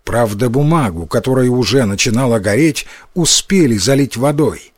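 Male storybook narrator, animated delivery, dry close recording. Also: medium pitch, normal speed, dry recording. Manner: expressive storytelling with voiced characters. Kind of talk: storybook reading.

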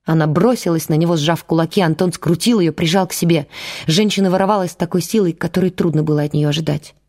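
Female narrator, lowish mellow voice, measured and dramatic reading. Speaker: audiobook narrator. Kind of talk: scripted audiobook narration.

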